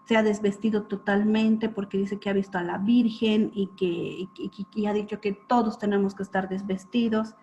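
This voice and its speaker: A woman lecturing students on clinical topics, explaining step by step and often checking in with a quick question. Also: mid-range voice, little pitch movement, mellow. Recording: dull lo-fi recording with faint hum.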